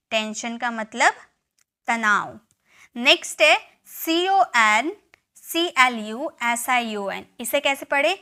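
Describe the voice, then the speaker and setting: Bright, high-pitched woman teaching. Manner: spells words letter by letter and repeats them, with frequent check-ins; addresses viewers directly. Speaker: English teacher. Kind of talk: classroom-style spelling lesson.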